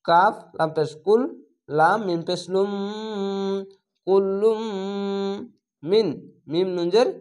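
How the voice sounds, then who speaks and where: A man with a Bangladeshi Bengali accent gives a Quran reading lesson in a high, clear, smooth voice. He names each letter and its vowel mark one at a time, then joins the syllables into long, chanted words. His delivery is slow and patient throughout. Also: a little mellow. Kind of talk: spelling-out Quran recitation lesson.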